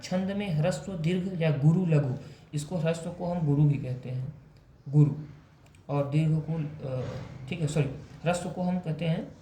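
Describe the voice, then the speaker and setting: A man's voice: on the high side, dark tone, echoey room, a little hiss or hum. A man teaching a lesson, explaining step by step with frequent check-ins and the occasional self-correction. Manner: self-correcting, drawn-out examples. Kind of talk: explanatory lesson on poetic meter.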